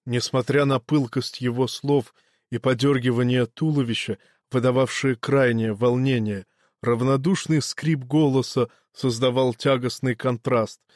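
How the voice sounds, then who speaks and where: Man, audiobook narrator, even measured reading, mid pitch, dry close sound. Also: no echo. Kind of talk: first-person audiobook narration.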